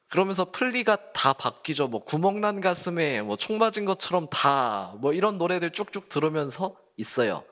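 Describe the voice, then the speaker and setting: A man's voice: mid-range voice, fairly bright tone. Man preaching a youth service. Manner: conversational preaching, asks the congregation questions. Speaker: youth group pastor. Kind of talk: sermon. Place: church service.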